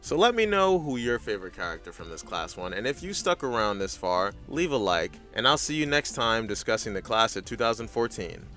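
Recap host: man with a lowish, very bright voice, blunt and sweary casual commentary. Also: sing-song, fairly quick, hardly any pauses, faint music behind.

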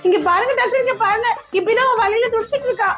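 A shrill, bossy cartoon mother, as a performer puts her on. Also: racing, fairly bright tone, faint music behind. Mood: scolding. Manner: scolding, urgent.

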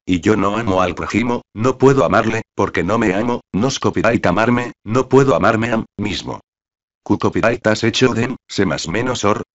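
A man's voice: on the low side, normal speed, close to an everyday voice. A man reading a tormented, brooding envious man. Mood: anguished prayer. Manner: anguished, brooding self-questioning. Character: tormented envious man, middle-aged, bitter. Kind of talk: audiobook character reading. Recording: dull lo-fi audio.

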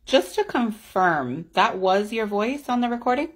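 A woman acting an escalations manager on a call, polite but pointed and firm, with a husky voice. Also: mid-range voice, lively intonation, measured pace.

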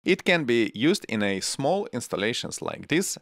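A tech channel host in his forties reads a scripted product review in a measured, deliberate way, speaking close to a broadcast microphone on an arm. His mid-range voice is slightly bright and swings widely in pitch. He records indoors in a small home studio, with no echo.

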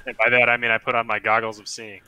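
A man's voice: mid-range voice, level tone, fast, pushed and bright, smooth, no echo. A man playing a tabletop game, chatting casually with joking quips. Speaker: player. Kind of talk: casual chat.

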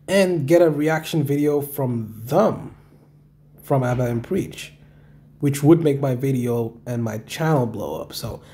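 In a mid-range, warm voice, a video creator chats casually through his viewers' comments, reading and replying to them. He rambles, repeats himself and swears a fair amount.

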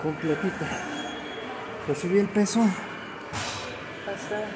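A man's voice: sits high, slow pace. A man in his thirties talking casually like a gym bro, explaining his workout in a vlog filmed on a phone in a gym. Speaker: fitness vlogger. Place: indoors in a large gym. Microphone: handheld phone at arm's length. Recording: clear gym background noise. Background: gym ambience noise.

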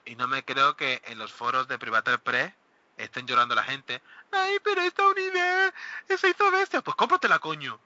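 A man hosting a casual hobby talk show, animated and exclaiming, often acting out what other players say. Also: mid-range voice, no echo. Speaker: host of a miniature wargaming talk show. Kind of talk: casual panel chat. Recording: dull lo-fi recording.

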